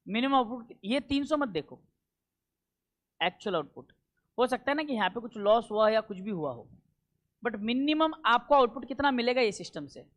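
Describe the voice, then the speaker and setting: A man teaching a classroom lecture, emphatic and repetitive, often checking that students follow and slowing down for key English terms. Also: very high voice, fairly bright tone. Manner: emphatic, repeats points and keeps checking understanding.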